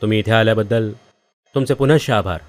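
A man's voice: fairly low pitch, fast talker, natural voice. An actor playing a man who formally and solemnly addresses a gathering of mourners.

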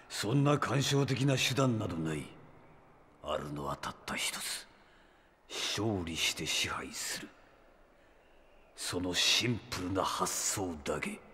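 An actor playing an arrogant, megalomaniac immortal villain in a Japanese audio drama, grandiose, theatrical and sneering. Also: male voice, sits low, a bit bright, slight background noise.

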